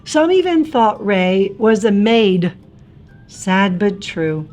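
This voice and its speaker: A woman narrating a rhyming picture book for young children in an expressive, theatrical and emphatic way. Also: medium pitch, slow pace, faint music behind.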